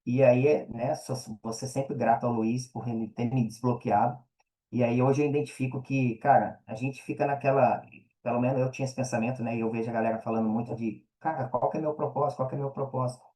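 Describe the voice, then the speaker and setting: A man with a Brazilian Portuguese accent, an affiliate marketer and mentor, answers interview questions casually as a guest, using slangy phrasing and frequent check-in tags. His medium-pitched voice is steady, brisk and dark-toned, and the recording is rough.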